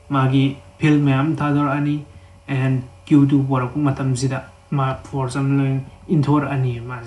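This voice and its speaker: In a roomy, echoing recording, a man with a Manipuri accent teaches a physics class in a mellow, mid-range voice. He reads out definitions, then explains them step by step, repeating the key phrases.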